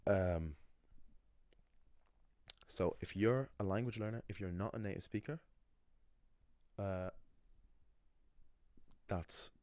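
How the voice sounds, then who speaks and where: A young man with a very low, deep voice explains pronunciation bluntly. He starts sentences over often and sounds opinionated. The recording is dry and close, with no room sound. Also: takes it slowly, long pauses, warm tone, no room sound. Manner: blunt and opinionated, full of restarts. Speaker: language teacher. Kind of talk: casual explanatory monologue.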